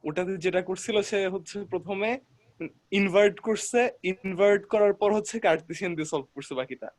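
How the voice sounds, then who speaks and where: High-voiced young man sharing tips. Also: normal speed. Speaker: participant. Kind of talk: casual group call.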